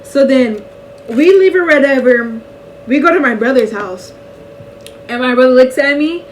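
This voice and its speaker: A young woman telling a story in a casual vlog, animated and slangy and laughing often. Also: high voice, moderate pace, recorded from a distance, poor audio. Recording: voice a bit off-mic with faint noise.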